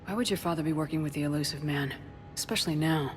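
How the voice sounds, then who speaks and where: Steady female military commander acted by a woman. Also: low-pitched, quick pace, slight background noise, close to an everyday voice. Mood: concerned, firm. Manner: level, matter-of-fact, firm. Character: female military commander, steady, frank, concerned, loyal to comrades. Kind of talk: video game cutscene acting. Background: music.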